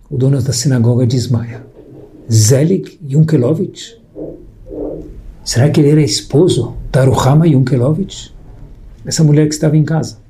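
A man telling a moral story as a sermon, lively and acting out the people in it. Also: a little high. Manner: lively storyteller, voicing characters in quotes.

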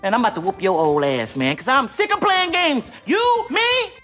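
An actor playing a brash, impatient young cop who shouts his questions in a comedy film scene. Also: very high-pitched, animated, soft background music, exaggerated voice. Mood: exasperated. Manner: shouting, exasperated fast banter. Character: brash loud young male cop, impatient and hot-tempered. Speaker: film character, cop interrogating.

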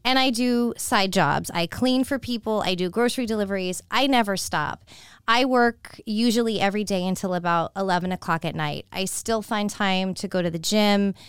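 Candid woman host with a crisp voice. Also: medium pitch, a bit bright, dry recording, clean studio sound. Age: 40s. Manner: candid, confiding, with frequent restarts. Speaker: podcast host. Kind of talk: casual solo podcast monologue.

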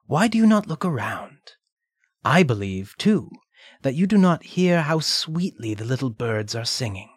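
A crafty storybook wolf, played by a man, coaxing and sly, his voice soft and often drawing back from the mic. Slow and dry, with a lively rise and fall. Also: mid-range voice, breathy edge, no echo, pitched above the performer's own voice. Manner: wheedling, coaxing.

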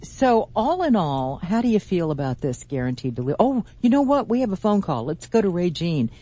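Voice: medium pitch, big pitch swings, fairly quick, dark tone. A radio show co-host reading listener questions from a chat board and taking calls. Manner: reads listener questions aloud.

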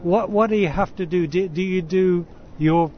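Man, fairly high voice, encouraging casual interviewer, muffled audio with background noise. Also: normal speed. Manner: appreciative, encouraging. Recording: dull recording with clear background noise.

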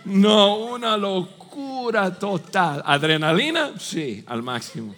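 A middle-aged man, a pastor preaching a sermon with animated storytelling, shouting and laughing as he acts out voices. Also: high-pitched, takes it slowly. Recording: long reverb of a large hall.

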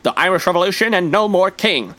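A man's voice: high voice, lively intonation, brisk, background noise. A man narrating history segments in a comic mock-newsreel announcer style, dry and wry. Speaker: radio show host.

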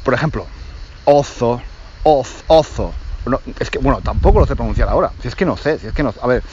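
A man from Spain in his forties tells a classroom-style story to his learners, in a Spanish accent from Spain. His pitch rises and falls freely while he hesitates, restarts and keeps asking if they follow. The recording sounds a little dull, with a faint hiss behind him. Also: expressive, fairly quick, darkish tone. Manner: hesitant, with frequent restarts and check-in questions. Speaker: Spanish teacher. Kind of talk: casual storytelling lesson for learners. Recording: slightly muffled lo-fi audio with faint noise.

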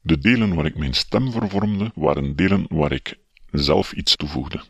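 Deep pitch-shifted male voice, husky, dull clip, dry sound. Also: unhurried, a bit bright, no room sound.

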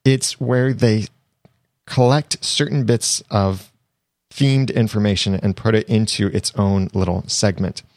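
A young adult man hosts his own podcast solo, running through tips in a chatty, upbeat way while recovering from a cold. His medium-pitched voice is a little mellow, recorded cleanly in a studio with no room sound.

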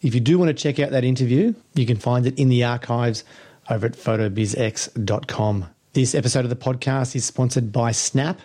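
A man's voice: mid-range voice, moderate pace, dark tone. A man hosting a photography podcast, friendly and casual, often calling his guest mate and laughing. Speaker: podcast host. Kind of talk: podcast interview.

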